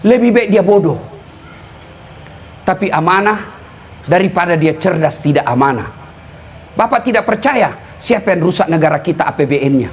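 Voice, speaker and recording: A man from eastern Indonesia with a lilt, preaching a humorous sermon to a live audience, teasing and often shouting and laughing. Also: high-pitched, lively intonation, normal speed, long pauses, slight background noise. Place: live event before an audience.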